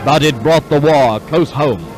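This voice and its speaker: A man with a higher-pitched voice reads scripted wartime newsreel narration a little slowly, in a clipped, dramatic, declamatory style. It's a rough 1940s newsreel soundtrack with orchestral music behind him.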